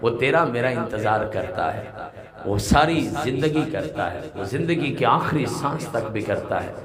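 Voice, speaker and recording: A man's voice: mid-range voice, lively intonation. Impassioned male preacher, big vocal swings. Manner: surging from soft speech to near-shouted climaxes, reciting verses. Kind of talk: impassioned sermon. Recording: live gathering with audible crowd.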